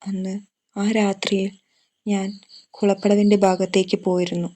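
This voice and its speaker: A woman's voice: medium pitch, level tone, a little slow, warm tone, lightly acted. A woman voicing a grieving old grandmother who confesses a long-kept secret in a trembling voice. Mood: shaken, tearful.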